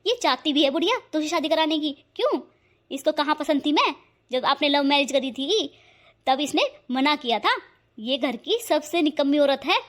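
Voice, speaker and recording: A sharp-tongued young wife from a cartoon, voiced by a woman. Her high voice is shrill and scolding, quick with sarcasm and threats. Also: lively intonation. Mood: angry. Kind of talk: cartoon voice acting.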